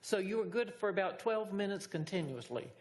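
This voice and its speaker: A woman's voice: medium pitch, lively intonation, brisk, darkish tone. A woman teaching meditation, leading an informal group discussion in a hesitant, reflective way and echoing back what participants say.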